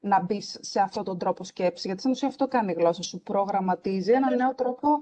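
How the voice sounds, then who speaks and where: Hosting a relaxed podcast chat, this French teacher from Greece talks with earnest emphasis and drops English words into what she says. Her mid-range voice is mellow, with a little hiss or hum in the background.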